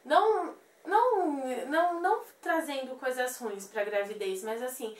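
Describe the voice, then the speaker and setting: Young woman, interview guest, animated storytelling, roomy echo, distant mic. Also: high voice, unhurried. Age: young adult. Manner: animated, acts out quoted voices. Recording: echoey room, voice from a distance.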